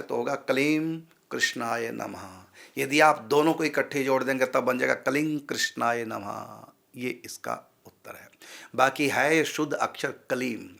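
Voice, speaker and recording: A man's voice: mid-range voice, creaky, fairly bright tone. A man, a spiritual teacher, patiently explaining how to pronounce mantra syllables and repeating sounds to drill them.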